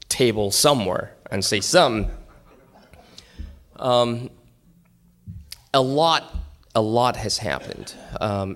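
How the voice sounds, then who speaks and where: Middle-aged man from Iran, faith testimony, unhurried delivery, fairly deep voice, earnest. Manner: earnest, acts out scenes in loud bursts. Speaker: guest speaker at a men's breakfast. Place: church gathering.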